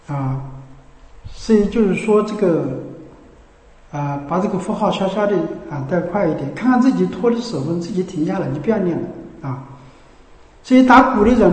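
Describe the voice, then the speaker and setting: A man giving a colloquial Buddhist talk, teaching how to chant and sometimes chanting phrases to show it. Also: high-pitched. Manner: lively, demonstrates by chanting phrases. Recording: echoey hall reverb.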